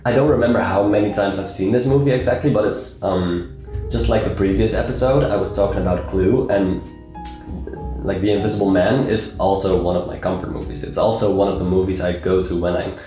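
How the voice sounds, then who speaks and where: A young film review vlogger chats casually about movies in a low, brisk, warm voice, rambling with lots of fillers and repeated words. Soft music plays behind him, and the room is very echoey.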